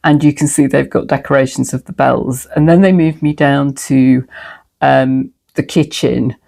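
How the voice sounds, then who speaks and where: A middle-aged woman sewing vlogger chats her way through a sewing tip from her home sewing room, a casual tutorial full of ums and self-deprecating remarks. A cold leaves her a little throaty, and her voice is rumbling low and mellow, with vocal fry, a steady tone, and a measured pace.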